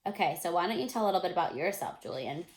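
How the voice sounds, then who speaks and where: A woman's voice: on the low side, lively intonation, rapid-fire, natural voice. Cheerful teacher, as a woman reads her aloud. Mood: upbeat. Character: cheerful adult female homeroom teacher.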